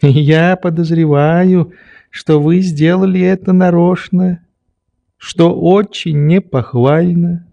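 A man voicing a slow, prim old doctor. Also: high-pitched, steady tone, gravelly, no room sound, voice pushed up, heavily acted. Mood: mild reproach. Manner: slow, measured, gently reproving. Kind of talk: audiobook character reading.

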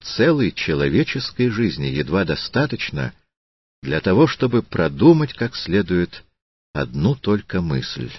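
A man voicing a calm, thoughtful, slightly ironic intellectual, speaking in a measured, reflective way. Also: deep voice, husky, no room sound, muffled recording, exaggerated voice.

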